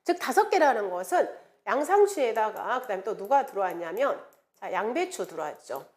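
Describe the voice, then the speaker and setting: A woman's voice: mid-range voice, very animated, a little fast, darkish tone. A middle-aged woman instructor giving an online exam prep lecture, repeating key words and chanting playful memory aids.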